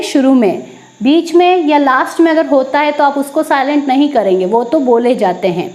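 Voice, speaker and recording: Female English teacher, high voice, repeats rules and quizzes herself. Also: a little mellow. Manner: repeats key points, asks and answers her own questions. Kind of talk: explaining a lesson to viewers.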